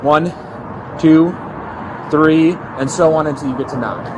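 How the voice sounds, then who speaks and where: A man's voice: a little high, a little slow, muffled recording. A male police officer giving methodical step-by-step instructions and checking understanding, recorded outdoors on a body camera with traffic noise. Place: outdoors at a roadside near a patrol car. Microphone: body camera worn on the officer. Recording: noisy outdoor bodycam audio with traffic.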